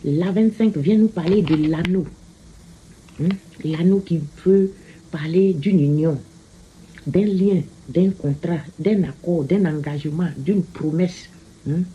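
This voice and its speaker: Lady reading cards, slow, keeps going "hein?", lowish voice, faint hum behind. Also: muffled recording. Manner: slow, repetitive, peppers phrases with "hein?". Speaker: card reader. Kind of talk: casual card-reading monologue.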